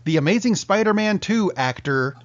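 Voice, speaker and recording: A man's voice: sits high, expressive, normal speed. A middle-aged man hosting a film podcast, leading the segments with dry joking asides. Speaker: podcast host. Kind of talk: casual chat. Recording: muffled lo-fi podcast audio.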